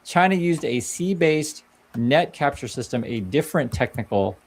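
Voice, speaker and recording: A Vietnamese man comments on a video clip being played, explaining things casually and conversationally. His voice is fairly high and animated at a moderate pace, and he keeps tacking "right?" onto his points.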